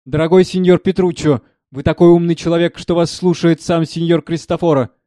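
A sharp-tongued male servant who sneers at his companion, as a man reads him. The delivery is close to his own dark, mellow voice, recorded dry. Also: a little high, steady tone, brisk, no room sound, pitched above the performer's own voice, close to an everyday voice. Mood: mocking. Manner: mocking.

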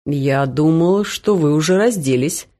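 A woman's voice: low-pitched, a little slow, warm tone. A woman reading aloud, voicing a nervous young man who fusses and complains. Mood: whiny. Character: nervous, whiny young fiancé, clumsy and fussing.

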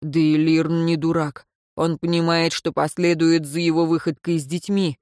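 A narrator voicing a proud young lord and husband with a lower, firm voice. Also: little pitch movement, moderate pace, no room sound, clean studio sound, natural voice. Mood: soothing. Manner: lower voice, angry shouts then quiet firmness. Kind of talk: audiobook character voice.

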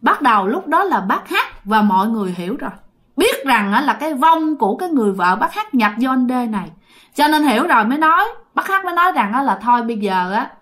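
A woman's voice: high voice, animated, fast talker, fairly bright tone. A woman retelling a ghost story in a chatty way, often addressing her listeners directly.

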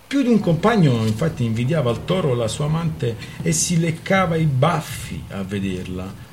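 A man reading a novel aloud on the radio with expressive, theatrical storytelling. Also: fairly high pitch, moderate pace, slight background noise. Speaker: radio reader.

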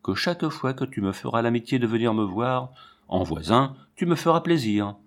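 A man's voice: medium pitch, lively intonation, moderate pace, lightly acted. A man reading the part of a charming, flirtatious mother who speaks with insinuation. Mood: coy. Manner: coy, insinuating.

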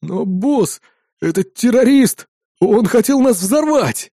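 A man's voice: warm tone, dry recording, studio quality. A man doing a frightened, pleading engineer. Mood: protesting. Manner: high, rushed and begging. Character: fearful pleading male engineer.

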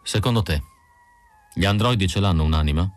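A weary, conflicted male bounty hunter, read by a male narrator in his own deep voice. His lines come out terse and low-key. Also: brisk, dry recording, faint music behind, close to an everyday voice. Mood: quiet, bitter.

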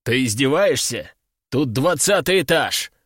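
A man's voice: mid-range voice, expressive, fairly bright tone, breathy edge, no room sound, clean studio sound. A man playing a stern old crime boss. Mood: stern commanding. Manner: slow, curt commands. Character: stern crime boss in his sixties, cold and commanding.

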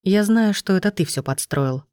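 A woman's medium-pitched, slightly mellow voice, close to an everyday one, has lively intonation at a normal speed. She voices a furious, jealous young man speaking through clenched teeth, in clean studio sound with no echo.

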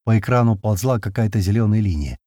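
A man narrating a first-person audiobook in a colloquial, wry and expressive way. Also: lowish voice, quick pace, no room sound, studio quality.

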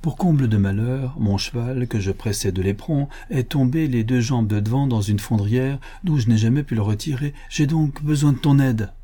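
A man reading an audiobook, voicing a cheerful, generous young prince with a brisk, kindly commanding manner. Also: medium pitch, warm tone, close to an everyday voice. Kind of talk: audiobook character voice.

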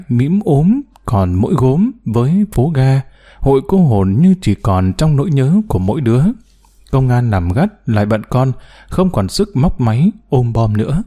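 A man narrating a novel as an audiobook, with expressive storytelling. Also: mid-range voice.

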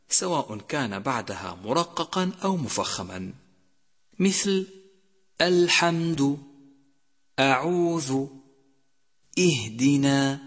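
A man teaching Quran recitation rules in a measured way, slowly drawing out each example word. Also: mid-range voice, a bit bright, slightly rough. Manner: measured, numbered points, slowly drawn-out example words. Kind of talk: instructional lesson. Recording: long hall reverb.

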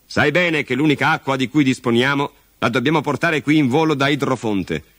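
A man's voice: on the high side, slow, bright, forceful tone, no room sound, clean studio sound, voice pushed up, heavily acted. A man voicing a brusque, commanding father who works as a mining engineer, in a storybook reading. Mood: dismissive. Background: music.

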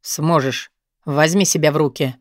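A brooding, dominant man, as a woman narrator puts him on, lowering her voice into a calm, weary, measured register. Each line sounds firm and tired. The recording is close and dry, with no room around it. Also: no echo, natural voice.

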